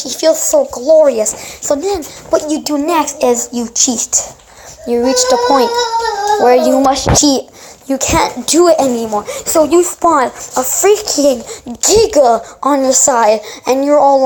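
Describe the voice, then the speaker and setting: High-pitched rambling gamer over noise. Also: darkish tone. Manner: rambling, stammering storytelling with sarcastic asides. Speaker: gaming video creator. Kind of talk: casual comedic game commentary. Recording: noisy home recording.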